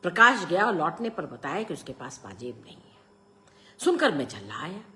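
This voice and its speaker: A middle-aged woman reading a short story aloud, expressive and raising her voice for the quoted lines. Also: low voice, moderate pace.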